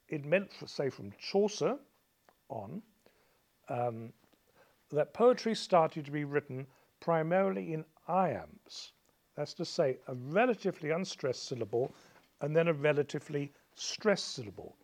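Man, teacher, fairly high voice, patient explaining, chants beats aloud. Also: a little mellow. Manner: patient, illustrates rhythm by chanting beats and counting syllables. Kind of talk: explaining a poem to a student.

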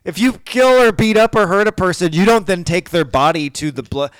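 A man hosting a podcast, reviewing a movie in casual chat, laughing loudly and swearing a lot. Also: high-pitched, brisk, smooth, no echo. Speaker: podcast host.

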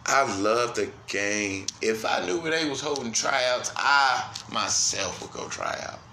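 A man hosting a solo sports podcast, cursing freely and swinging between loud outbursts and quiet, low asides. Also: animated, a little slow, reverberant, slight background noise. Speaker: podcast host.

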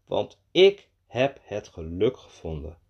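Man voices a giddy storybook mannikin, husky and high, bouncy lilt, lo-fi audio. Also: huge pitch swings, takes it slowly, darkish tone, heavily acted. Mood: delighted. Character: cheerful overconfident little male mannikin.

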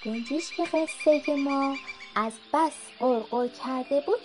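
A woman narrating a rhymed bedtime story for children in a gentle, slow, sing-song way. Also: high voice, slight background noise. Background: background music.

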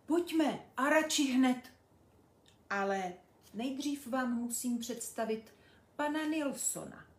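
A woman voicing a cheeky nine-year-old girl who tells tall tales, lively and loud, in an echoey room. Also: lightly acted. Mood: eager. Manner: lively, boastful, high and loud.

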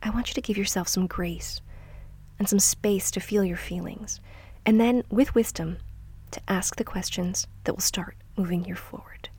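A middle-aged woman hosting a scripted self-help podcast, speaking softly and reflectively, often trailing into a near-whisper. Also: mid-range voice, fairly even intonation, moderate pace, breathy edge. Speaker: podcast host.

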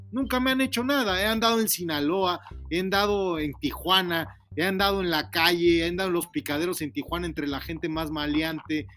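Earnest high-voiced man lecturing his daughter. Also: a bit bright. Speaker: father giving advice. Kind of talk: casual heart-to-heart talk.

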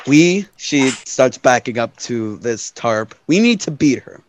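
A man's voice: mid-range voice, very animated, a little slow, no room sound, lo-fi sound. A man running a tabletop game, talking in a rambling, self-correcting way.

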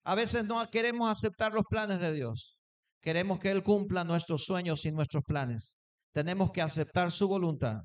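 A man's voice: high voice, moderate pace. A man preaching a sermon, telling a personal story and acting out the dialogue. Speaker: pastor.

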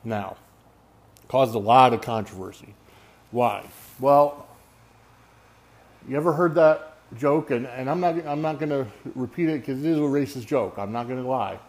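A man's voice: medium pitch, normal speed, darkish tone. A man giving casual solo sports commentary as a podcast host, conversational and emphatic, often checking in with listeners.

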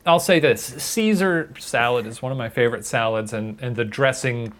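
A man's voice: mid-range voice, moderate pace, a bit bright. A man co-hosting a podcast in casual chat, playful and emphatic, with lots of jokes. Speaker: podcast co-host.

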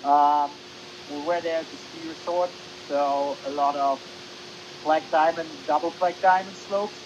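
A man's voice: on the high side, steady tone, measured pace. A man who is a podcast guest, explaining at length with many fillers. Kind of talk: casual podcast chat. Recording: hissy recording.

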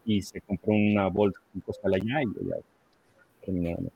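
A man's voice: sits low, fairly even intonation, normal speed, vocal fry, narrow, tinny audio, slight background noise. A male guest on a talk show, explaining things in a casual way. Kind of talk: casual chat.

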